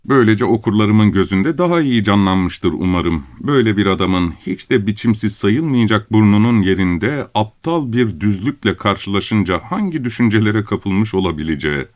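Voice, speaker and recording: A man reading a story aloud as narrator, in a measured, unhurried way with deliberate pauses. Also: fairly low pitch, animated, no room sound, studio quality. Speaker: audiobook narrator.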